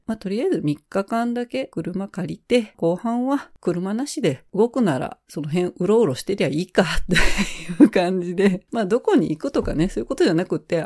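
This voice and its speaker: A woman's voice: fairly low pitch, darkish tone. A woman hosting her own podcast, telling a travel story in a casual, cheerful way with fillers and laughs. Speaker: podcast host.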